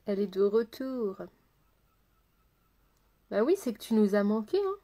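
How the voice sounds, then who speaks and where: While doing her makeup on a live stream, a chatty woman talks casually with viewers, greeting them by name and repeating her phrases. Her medium-pitched voice is sing-song, and now and then she slows into a soft, nearly hypnotic murmur.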